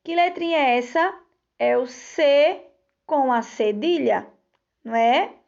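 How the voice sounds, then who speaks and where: A woman, a teacher giving a slow, patient recorded lesson to children and sounding out words carefully. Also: high voice, gravelly, darkish tone. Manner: slow, patient, drawn-out word reading. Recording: dull lo-fi recording.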